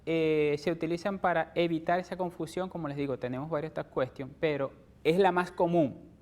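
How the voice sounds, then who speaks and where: A man's voice: fairly high pitch, steady tone, fairly quick, darkish tone. A man with a Venezuelan Spanish accent teaching an English grammar lesson, explaining step by step and checking in with "ok?" after nearly every point. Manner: explains step by step, ends phrases with "¿ok?". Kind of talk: televised classroom lesson.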